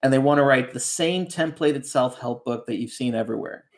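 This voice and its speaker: Reflective rambling man in mid pitch. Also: brisk. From Canada. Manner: reflective, rambling, keeps asking "right?". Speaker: ghostwriter guest. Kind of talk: casual podcast conversation.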